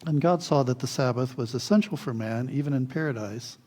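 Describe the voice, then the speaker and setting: A man preaching a sermon, telling childhood stories in a lively way, often chuckling and acting out what people said. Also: medium pitch, fairly quick. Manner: animated storyteller, chuckles often, acts out quotes.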